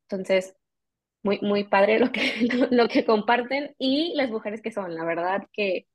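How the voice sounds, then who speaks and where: Brief: Mexican-accented woman, mid pitch, reflective and agreeable. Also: unhurried. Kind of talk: casual chat.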